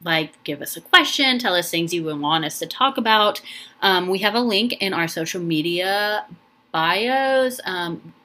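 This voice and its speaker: A young woman with a low voice talks through a casual podcast on her own. She rambles warmly, full of ums and restarts, and sounds emotional, close to tears. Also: animated, a little slow. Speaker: podcast host. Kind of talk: casual solo podcast talk.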